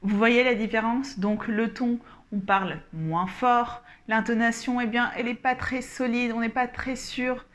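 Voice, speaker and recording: A woman giving a coaching lesson to camera, explaining calmly and deliberately and gesturing as she talks. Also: on the high side. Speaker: communication coach. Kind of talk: instructional coaching talk to camera.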